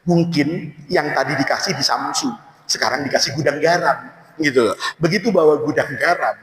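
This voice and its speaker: A male preacher telling a funny story in a sermon, switching between loud shouts and low asides. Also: normal speed. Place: large religious hall. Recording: echoey hall, faint noise.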